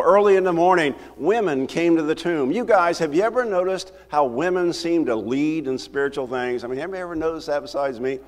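An older man preaching a sermon from a church pulpit, talking to the congregation in a conversational, animated way. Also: fairly high pitch. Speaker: pastor. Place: church sanctuary, at a wooden pulpit. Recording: roomy hall reverb from the sanctuary.

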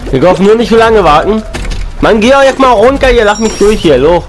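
Faint music plays behind this young gaming YouTuber, who has a slight cold and a high-pitched, brisk voice. Commenting casually on the console game he's playing, he repeats and rhymes lines and bursts out excitedly during play.

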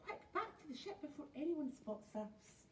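A woman's voice: sits high, big pitch swings, normal speed, slight background noise, voice pushed up. A woman voicing a bossy male pirate chief in a storybook reading, barking orders. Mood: eager. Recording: roomy echo, mic at a distance.

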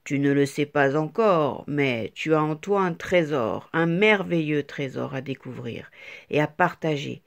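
A woman voicing a gentle, loving father ink blot who speaks slowly and reassuringly. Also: low voice, vocal fry, voice pushed down. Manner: slow, warm, reassuring.

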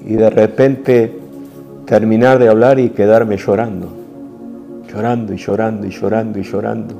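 Gravelly River Plate preacher man. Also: on the low side, flat delivery, moderate pace, soft background music. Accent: Rioplatense Spanish. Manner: intimate, emotional preaching that swings between soft hushed passages and forceful rises. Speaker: apostle preaching. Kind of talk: sermon.

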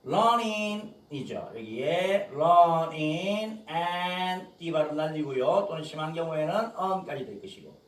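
A man teaching an English pronunciation lesson to students, modeling phrases slowly and explaining quickly. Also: on the high side, sing-song, far from the mic. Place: classroom with students. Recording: echoey room, voice off-mic.

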